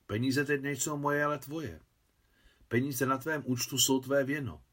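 A grieving widow speaks in a quiet, measured and chilly way, as a male reader puts her on. Her lines sit somewhat higher than the narration and stay restrained, with the feel of an audiobook. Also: fairly even intonation, lightly acted. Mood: cold. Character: cold grieving widowed older woman.

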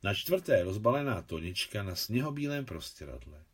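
Expressive male audiobook narrator. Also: fairly low pitch, slightly rough. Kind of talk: novel reading.

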